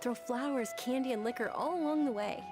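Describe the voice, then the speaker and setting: An actress playing a gentle, courteous young woman in a game, soft-spoken and wistful. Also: a little high, a little fast, lightly acted. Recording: game audio with music behind.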